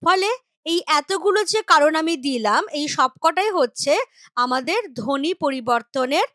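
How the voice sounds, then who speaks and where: A woman's voice: sits high, lively intonation, unhurried, fairly bright tone, no room sound, studio quality. A woman teacher from West Bengal explaining a grammar lesson patiently, with spoken examples.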